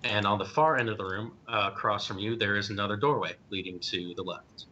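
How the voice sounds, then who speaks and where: A man narrating as game master, pausing often with ums and uhs as he describes scenes. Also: sharp tone. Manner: hesitant, many ums and uhs. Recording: dull lo-fi stream audio with faint rumble.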